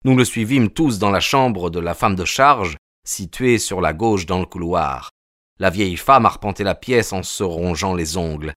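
A man narrating a novel as an audiobook in a measured, literary way. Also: low voice, fairly bright tone, dry recording, studio quality.

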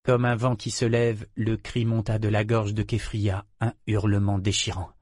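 A man reading a novel aloud as an audiobook narrator, in a measured, even storytelling manner. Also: on the low side, no echo, clean studio sound. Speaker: audiobook reader. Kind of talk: scripted narration.

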